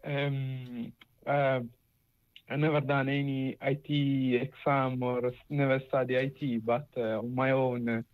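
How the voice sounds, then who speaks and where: Halting male caller on a distant speakerphone. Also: mid-range voice, level tone, dry recording. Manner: hesitant and halting, with many fillers. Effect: internet call that sounds like a speakerphone. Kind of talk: call-in question. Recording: dull lo-fi call audio, dry.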